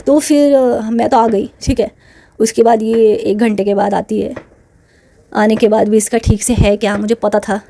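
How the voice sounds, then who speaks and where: A woman's voice: on the high side, fairly even intonation, a little slow, vocal fry, dark tone. A woman hosting her channel, telling a personal story in a chatty, indignant way and mixing English words into her Hindi. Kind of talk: casual storytelling to camera.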